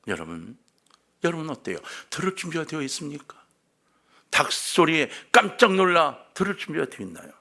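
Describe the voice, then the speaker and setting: Animated, gravelly Korean pastor preaching. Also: male voice, fairly high pitch, normal speed. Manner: animated storytelling, swings from hushed to emphatic. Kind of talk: sermon.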